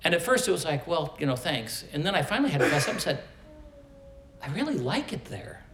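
A man's voice: on the high side, very animated, very fast, a bit bright, slight background noise. An older man preaching a sermon, telling stories earnestly and building to fervent emphasis.

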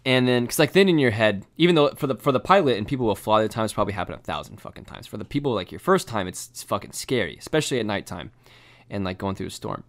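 A young man telling a story in casual chat, animated and swearing, full of fillers. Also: on the low side, fast talker.

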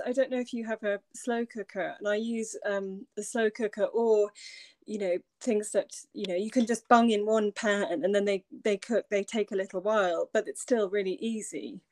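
A woman's voice: medium pitch, a little mellow, no room sound. A woman guest chatting informally and a little hesitantly in an interview, recorded in a shed. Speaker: podcast guest, journalist and cookbook author. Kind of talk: casual interview chat.

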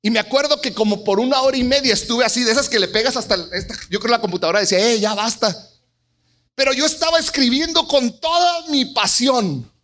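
A middle-aged man preaching a sermon, telling stories and acting out voices with big swings in pitch. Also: quick pace, few pauses, fairly bright tone. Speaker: pastor.

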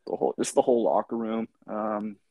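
A man's voice: on the low side, flat delivery, fairly quick, no echo, dull audio. A man co-hosting a casual sports podcast, talking in a loose, rambling way. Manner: loose and rambling, frequent restarts. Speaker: podcast co-host.

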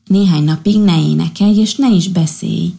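A woman voicing a kind, tired little female sea doctor who gently scolds her patients in a storybook. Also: on the low side, vocal fry. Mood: gentle, caring.

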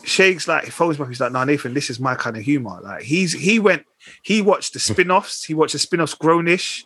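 A man's voice: a little high, expressive, a little fast, fairly bright tone, slightly rough, no echo. A man with a Leicester accent hosting a podcast in casual, slangy British street speech. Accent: Leicester, English. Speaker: podcast host. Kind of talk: casual chat.

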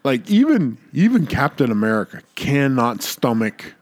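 In a sing-song, mid-range voice at normal speed, with no echo, a podcast co-host chats casually and with strong opinions. He drives his points home emphatically, repeating words to stress them.

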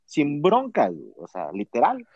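A man's voice: fairly high pitch, huge pitch swings, moderate pace, a little mellow, slightly rough, no room sound, muffled recording. A man with a Mexican accent hosting a casual podcast chat, slangy and telling stories with quoted dialogue. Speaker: podcast host.

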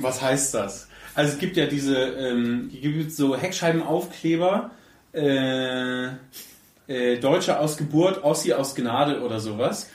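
Animated, fairly high-voiced man in an echoey room. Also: recorded from a distance. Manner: animated, emphatic, with blunt colloquial remarks. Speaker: podcast host. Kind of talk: casual podcast conversation. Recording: echoey room, set back from the mic.

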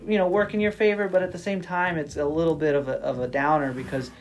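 A man's voice: on the high side, little pitch movement, fast talker, soft background music. A man guesting on a podcast, talking in a rambling, casual way, full of restarts, repeated words and frequent "you know what I mean" tags. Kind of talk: casual interview chat.

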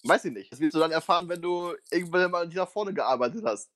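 Mocking young man, slightly high voice. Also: lively intonation, a bit bright. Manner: mocking, quick rants, imitates guests in a raised voice. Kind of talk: casual chat.

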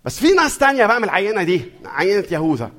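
A middle-aged man with an Egyptian accent preaching a sermon in a lively, conversational way, putting questions to his audience. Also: high-pitched, racing. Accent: Egyptian Arabic.

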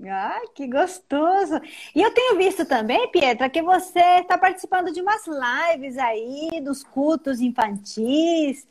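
A woman's voice: high voice, expressive, unhurried, a little mellow. A woman interviewing a family over a video call, affirming and encouraging as she asks questions.

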